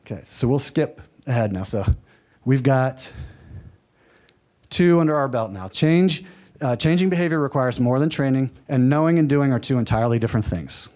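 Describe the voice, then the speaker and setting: With lively intonation and a slightly mellow, medium-pitched voice at normal speed, this lecturer from the mountain South presents a workshop in a workshop room. His tone is conversational with light humor, and he checks in with the audience.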